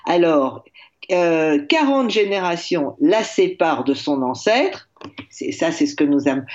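A woman's voice: lowish voice, muffled recording. Woman telling a history chronicle. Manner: lively storytelling with frequent hesitations. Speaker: history columnist. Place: remote line from abroad.

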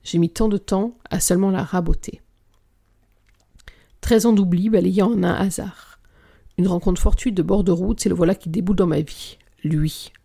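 A reader narrating a novel aloud at a measured pace, sometimes sinking into a whisper. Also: medium pitch, steady tone, vocal fry, dark tone. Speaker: audiobook reader.

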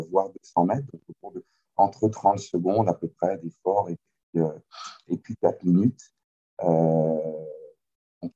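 Low-pitched with a dark tone, this middle-aged Frenchman, a kayak coach with a lightly Quebec-flavored French accent, answers questions in a casual remote interview, hesitating and using many fillers. The call audio sounds muffled.

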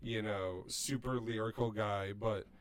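A man's voice: lowish voice, steady tone, a little slow. A man co-hosting a podcast, explaining music casually in an enthusiastic, rambling way. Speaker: podcast co-host.

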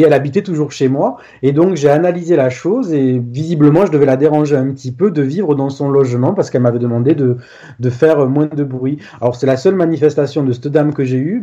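A man's voice: on the high side, dark tone. A man telling a personal ghost story in a casual, hesitant way, full of restarts and fillers. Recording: dull lo-fi sound.

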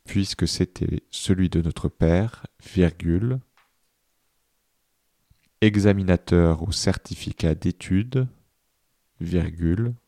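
A man reading a dictation aloud, deliberately repeating each phrase and speaking the punctuation marks. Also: sits low, creaky, dark tone, dry recording, studio quality. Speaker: dictation reader.

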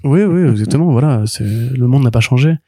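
Fast-talking man with a mellow voice. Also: mid-range voice, lively intonation, breathy edge, no echo, clean studio sound. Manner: rambling, many restarts and fillers, enthusiastic. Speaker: podcast co-host. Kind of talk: casual chat reviewing comics.

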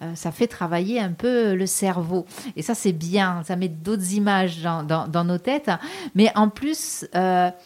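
A woman hosting a radio interview, lively and encouraging, with frequent hesitations. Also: on the low side, unhurried. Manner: lively, encouraging, many fillers. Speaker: radio host.

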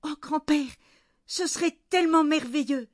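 A woman voicing an excited, cheerful little girl who loves to dance, talking breathlessly and eagerly. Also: high-pitched, moderate pace, no room sound, studio quality, pitched above the performer's own voice, lightly acted. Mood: overjoyed.

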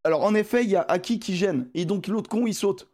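Animated man arguing sports calls. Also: high voice, brisk. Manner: animated, argumentative, swears freely. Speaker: podcast host. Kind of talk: casual sports debate.

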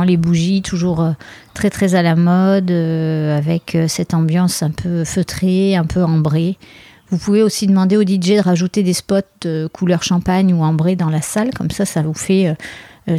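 A woman who plans weddings, giving casual advice in a chatty way with many small pauses and asides. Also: lowish voice, mellow, no room sound. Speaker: wedding planner. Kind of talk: casual podcast talk.

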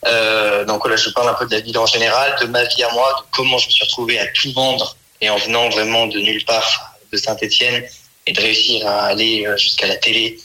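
A man in his twenties, a comedian guest in a casual radio interview, chatty and relaxed with many fillers. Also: lowish voice, low-quality recording. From France. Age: 20s.

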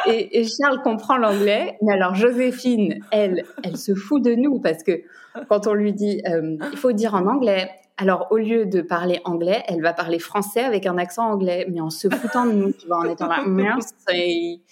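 A woman from France, a podcast guest and entrepreneur, chatting casually with many pauses and fillers, laughing now and then. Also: medium pitch. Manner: hesitant, many fillers and restarts, laughs often. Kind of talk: casual chat.

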